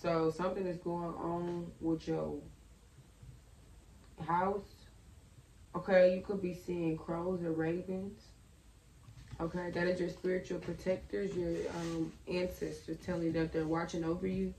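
This young tarot reader sits at a table in her bedroom, her low, slightly raspy voice staying fairly flat and a little slow as she chats loosely in slang and thinks out loud. Picked up a bit far from the mic, the audio sounds roomy and carries slight background noise.

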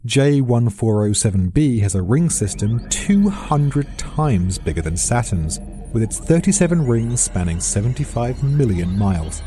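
A man's voice: mid-range voice, very animated, unhurried, dark tone, faint music behind. A British man reading a scripted science explainer in a dry, precise, lightly witty way. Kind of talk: scripted narration.

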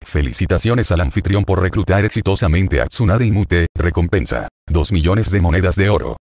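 A man's voice: low-pitched, lively intonation, fairly quick, a little mellow, dry recording, clean studio sound. A man voicing a formal, game-style system that makes announcements in a web novel reading.

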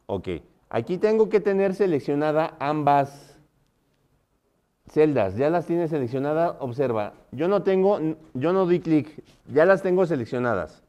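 A male teacher leads a live online class in a slightly high, smooth, clear voice. He walks through each step and keeps checking in with his students through short questions. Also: animated, unhurried, darkish tone, highs cut off.

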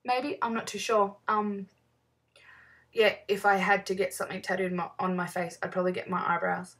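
A woman's voice: medium pitch, flat delivery, normal speed, a bit bright, recorded from a distance. Giggly New woman vlogging. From New Zealand. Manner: chatty, giggly, many "um"s, easily sidetracked. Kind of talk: casual chat answering fan questions.

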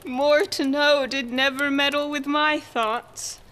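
A woman's voice: high voice, steady tone, slow pace, a bit bright, a little hiss or hum. A young woman playing a tender-hearted, innocent, pleading daughter in a Shakespeare radio play. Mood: gentle. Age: young adult.

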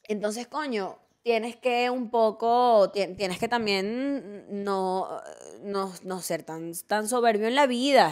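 A woman with a Venezuelan accent hosts a casual solo talk in a slightly high voice. She rants in a playful, opinionated way. She keeps doubling back into chatty asides. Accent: Venezuelan Spanish. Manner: animated, opinionated and playfully ranting; chatty with frequent restarts and asides. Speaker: podcast host. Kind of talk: casual monologue.

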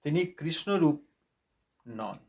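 A man with a somewhat high voice reads from a devotional letter and explains it. He chants Sanskrit verses slowly, then goes over each point again in his own words. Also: animated, husky. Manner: repeats and rephrases points to explain them. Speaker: speaker reading and explaining a religious letter. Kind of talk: devotional reading and commentary.

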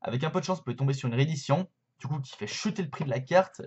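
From his bedroom with shelves, a young man in his twenties talks casually to a webcam, explaining a card game with plenty of hesitations and fillers. His voice is on the high side, very fast, darkish and husky, and the audio sounds dull. It's a casual explainer vlog to camera.

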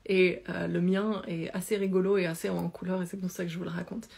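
A woman's voice: lowish voice, flat delivery, brisk, creaky, a little mellow, husky. A woman in her thirties, a yoga teacher and life coach, casually telling her own life story, chatty with many fillers and restarts, filmed close up at home. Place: small indoor room at home. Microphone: phone or webcam close to face.

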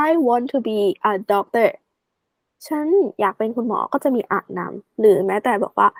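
A woman tutoring a student in a casual, chatty way, addressing the learner affectionately and slowing right down to spell out English examples. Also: on the high side, dry recording.

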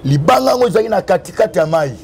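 Racing along, this young man from Congo (DRC) has a high, gravelly, husky voice that is also a little mellow, with lively intonation. As a prophet in an interview, he preaches fervently in French with a Congolese accent, weaving in Lingala and occasionally half-singing. He wears a lapel mic on a covered outdoor terrace with a tiled wall.

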